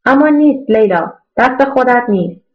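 A woman's voice: fairly high pitch, expressive, dull audio, natural voice. A woman reading an audiobook voices a self-pitying older husband who complains and speaks curtly. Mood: grumbling. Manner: complaining, curt.

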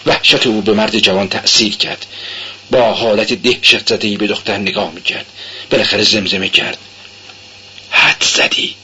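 A man giving a dramatic literary reading, measured and intense. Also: on the low side, steady tone, sharp tone, dull audio, slight background noise. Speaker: narrator.

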